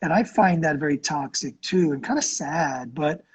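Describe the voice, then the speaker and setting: A middle-aged man co-hosting a casual conversation, chatty, expressive and self-deprecating. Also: a little high, moderate pace, breathy edge, rough recording. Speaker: co-host.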